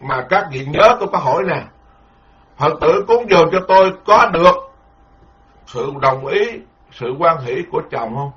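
A Buddhist monk giving a dharma talk, animated, repeating words and laughing ruefully. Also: male voice, fairly high pitch, normal speed. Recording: lo-fi muffled recording.

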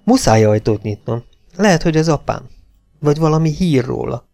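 A man's voice: a little high, lively intonation, creaky, mellow, voice pushed up. A man reading the part of an anxious young woman in an audiobook, raising his voice a little.

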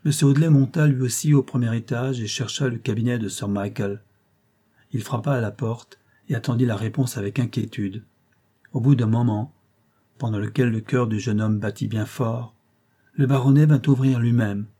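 Male audiobook narrator, mid-pitched, husky and mellow timbre; measured classic-novel reading.

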